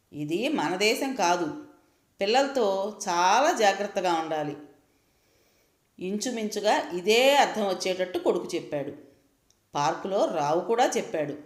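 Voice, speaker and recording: A woman narrating a short story with lively, expressive storytelling. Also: mid-range voice. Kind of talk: reading a short story aloud. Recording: echoey room.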